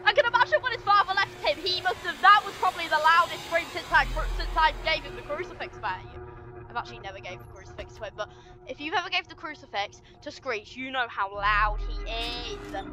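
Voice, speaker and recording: A woman's voice: high voice, animated, a little fast, music in the background. A woman giving casual gameplay commentary, chatty and playful, teasing the game's monsters as she plays. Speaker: gaming channel host.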